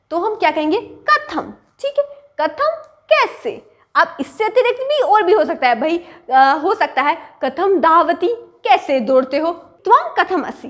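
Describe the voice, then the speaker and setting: Woman, very high voice, lively pitch, teaching a language lesson, patient step-by-step explaining. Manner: slow, explaining step by step with frequent check-ins. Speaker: Sanskrit teacher.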